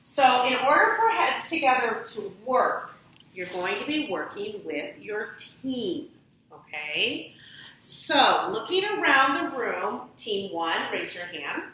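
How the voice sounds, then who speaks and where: Woman teacher, bright clear voice, patient questioning, echoey classroom recorded from afar. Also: a little high, sing-song, takes it slowly, far from the mic, a little hiss or hum. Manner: patient, asks the class questions and prompts answers. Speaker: elementary school teacher. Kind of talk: classroom instruction. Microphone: distant room mic.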